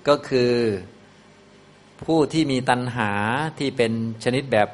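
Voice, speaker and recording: A man giving a relaxed, conversational Buddhist Dhamma talk in a lecture hall, explaining Pali terms with easy asides. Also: medium pitch, slow.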